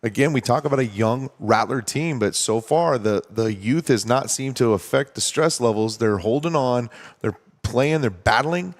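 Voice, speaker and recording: A man calling a baseball game play-by-play, talking steadily and conversationally and explaining strategy between pitches. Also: normal speed, hardly any pauses. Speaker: play-by-play announcer. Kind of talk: baseball commentary.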